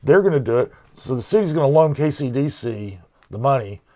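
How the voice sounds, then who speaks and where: A man's voice: mid-range voice, expressive, brisk, warm tone. A middle-aged man co-hosting a local news podcast, talking casually with many restarts and fillers. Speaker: podcast co-host.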